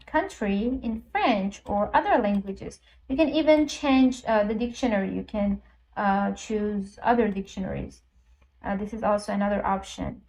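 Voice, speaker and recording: A Persian-speaking woman who teaches languages chats her way through a screen-recorded app tutorial, going step by step with plenty of ums and uhs. Her voice sits at a medium pitch, and the recording quality is low.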